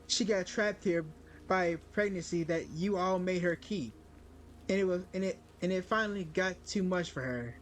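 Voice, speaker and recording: A man reading aloud the lines of an angry, grieving young woman in a story game, fast and plain. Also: sits high, soft background music, close to an everyday voice. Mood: upset. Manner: reads her dialogue aloud fast and plainly.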